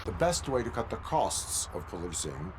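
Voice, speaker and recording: A stern cyborg policeman in a video game. The voice is low and formal, laying down the law with deadpan moralizing. There is clear street noise behind it. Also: normal speed. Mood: cool, businesslike. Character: stern male cyborg police officer, literal and unbending.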